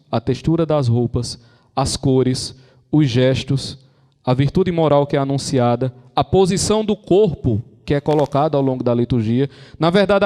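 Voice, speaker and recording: A man's voice: on the high side, dark tone. A man with a Brazilian Portuguese accent giving a lecture, telling stories conversationally and acting out the quotes. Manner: conversational storyteller, acts out quotes. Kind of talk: lecture on intellectual and moral formation. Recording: long hall reverb.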